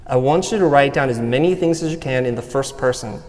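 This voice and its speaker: A man speaks from a stage in an earnest, personal way, walking listeners step by step through an exercise. His voice sits at an ordinary middle pitch. A long reverb from the hall hangs after each phrase. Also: a little fast, darkish tone. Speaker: speaker giving a talk. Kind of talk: motivational talk.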